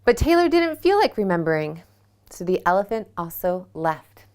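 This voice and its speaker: A woman leading a children's yoga storytime at home. She reads a picture book aloud and asks the kids gentle questions. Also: lowish voice, very animated, moderate pace, clean tone.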